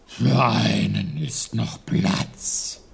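A man voicing a sleepy, gruff male bear with a rough, growly voice in a storybook reading, talking slowly between yawns. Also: lowish voice, expressive, a little hiss or hum, full character voice. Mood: drowsy gruff. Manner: slow, yawning.

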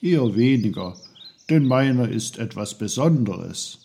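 A man's voice: medium pitch, expressive, measured pace, creaky, warm tone. A man voicing a fussy, know-it-all little uncle who lectures a boy. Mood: lecturing. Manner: busy, lecturing.

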